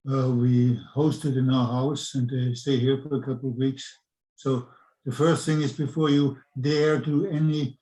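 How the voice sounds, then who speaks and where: A man makes his point plainly and directly on a video call. His voice is mellow, and the room around him sounds echoey. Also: medium pitch. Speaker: discussion participant.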